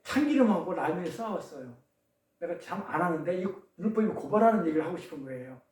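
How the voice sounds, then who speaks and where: High-voiced man preaching, echoey hall. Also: animated, quick pace, darkish tone. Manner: questions the congregation, call-and-response; tells pun riddles. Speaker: pastor. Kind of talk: sermon. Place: church service. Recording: echoey room, distant mic.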